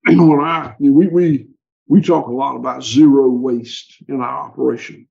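In a mellow, gravelly voice of medium pitch, a man from the American South talks at a moderate pace and steady tone about his work as a livestock farmer. The interview is conversational, and he rambles in a folksy way with many restarts, all captured in lo-fi sound.

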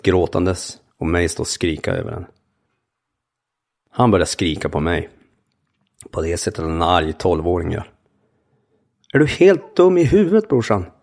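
A man with a very low voice reads his memoir aloud in the first person. His tone is gravelly and full of fry. He keeps it calm and measured, in short, plain sentences. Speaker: memoir narrator.

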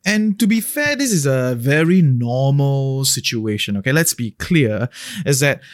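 A Singaporean man hosting a podcast, talking conversationally in an animated way with Singlish turns of phrase and frequent checking tags. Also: mid-range voice, measured pace. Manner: animated, acts out imagined reactions, often tags points with "right?" and "okay?". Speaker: podcast host. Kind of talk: conversational podcast monologue with Singlish particles and slang.

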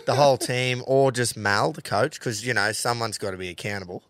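A man's voice: medium pitch, brisk, fairly bright tone, no room sound. Slangy Australian man, dry close mic. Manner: blokey, slangy, sweary. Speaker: podcast host. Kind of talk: casual sports and betting chat.

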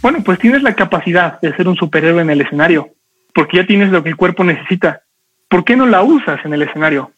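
A man coaching an audience on public speaking, talking fast and energetically with lots of rhetorical questions. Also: high-pitched, animated, a bit bright, breathy edge, muffled recording.

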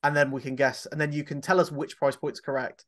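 Male co-host, teasing and jokey, slightly higher pitch. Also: little pitch movement, brisk, fairly bright tone. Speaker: podcast co-host. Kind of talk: casual chat.

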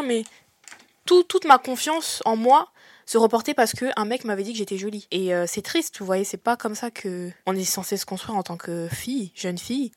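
A young woman talks casually and openly, as a podcast host would to her followers. She is a little short of breath and pauses mid-sentence, using chatty youthful slang. Her pitch is average for a woman, and the sound is close and dry. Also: dry recording. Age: young adult. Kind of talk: casual confessional podcast monologue.

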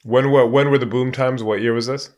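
A man's voice: medium pitch, steady tone, brisk. A man hosting a podcast who asks casual, rambling questions full of fillers. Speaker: podcast host. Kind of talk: conversational interview questions.

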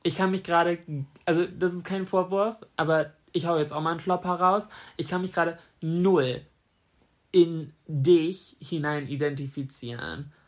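A woman's voice: fairly low pitch, steady tone, moderate pace. Young woman, podcast co-host, casual chat, blunt, teasing, talkative.

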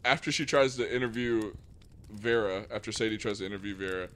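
A man's voice: fairly low pitch, a little fast, fairly bright tone, a little hiss or hum. A man co-hosting a podcast, casually recapping a film plot in a laid-back way. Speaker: podcast co-host. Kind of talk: casual film review chat.

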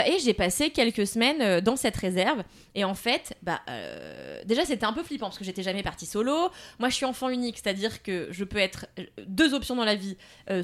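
Woman podcast guest, animated casual storyteller, slangy and talkative. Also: on the high side. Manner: chatty, animated, many fillers and slang.

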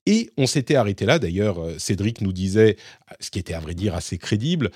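A man from Lebanon hosts a casual tech chat in a low voice that swings up and down a lot. He talks in a chatty, animated way and keeps restarting his sentences. The sound is dry and close. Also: brisk, husky, no echo. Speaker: podcast host.

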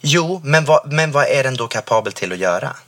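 This is a man co-hosting a casual conversation. His pitch swings lively as he talks, and he often restarts his sentences. His voice is bright and forward. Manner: animated, many restarts. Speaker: podcast co-host. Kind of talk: casual chat.

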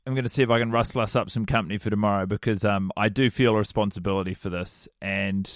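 A man's voice: on the low side, fairly even intonation, fast, no room sound, clean studio sound. A man co-hosting a podcast in casual chat, rambling and hesitant with wry teasing. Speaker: podcast co-host.

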